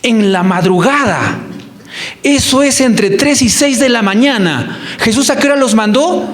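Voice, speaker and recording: Male preacher with a Colombian Spanish accent and a high voice, questions the congregation, acts out quotes. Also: a little slow. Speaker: pastor. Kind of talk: sermon. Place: church.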